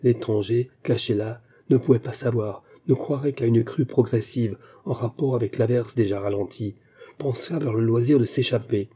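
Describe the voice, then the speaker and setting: A man reading a short story aloud in a slow, measured narration. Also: mid-range voice, dark tone, breathy edge. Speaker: audiobook narrator.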